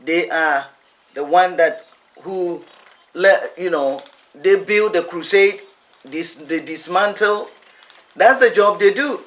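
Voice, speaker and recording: High-pitched male preacher, slow and emphatic. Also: a bit bright. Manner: emphatic, repeats phrases for effect. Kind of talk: teaching sermon.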